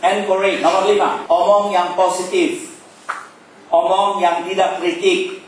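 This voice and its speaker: A man giving a humorous family sermon with lively, playful asides. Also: sits high, measured pace. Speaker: speaker at church family service. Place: church hall. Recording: echoey hall from far off with faint noise.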